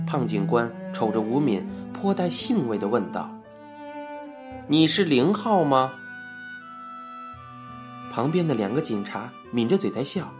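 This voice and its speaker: Expressive male audiobook narrator. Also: medium pitch. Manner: expressive storytelling. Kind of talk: scripted novel narration. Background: faint music.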